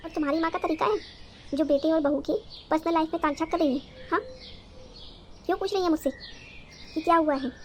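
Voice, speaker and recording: A woman's voice: very high voice, fairly even intonation, brisk, slight background noise. A woman voicing a quarrelsome, resentful young wife in a cartoon story, scolding and sarcastic. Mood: angry.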